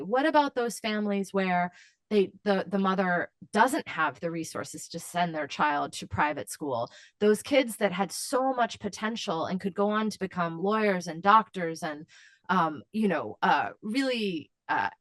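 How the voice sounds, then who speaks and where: Woman interview guest, mid pitch, impassioned and earnest, dry close recording. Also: fairly bright tone, no echo. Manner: impassioned, with frequent fillers and restarts. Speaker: advocacy guest.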